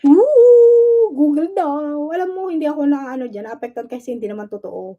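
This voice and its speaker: High-voiced woman ranting on a livestream. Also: quick pace, phone-quality sound. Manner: combative and sarcastic, firing rhetorical questions; mixes English words into her talk. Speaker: livestream host. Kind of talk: casual livestream rant.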